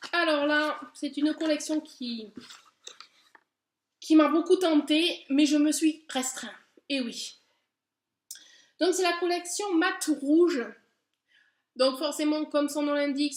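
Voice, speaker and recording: A woman with a high voice talks casually and gushes with enthusiasm as she presents her haul. The sound is echoey and roomy. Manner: enthusiastic, gushing, chatty with fillers. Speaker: beauty vlogger. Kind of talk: casual product haul chat.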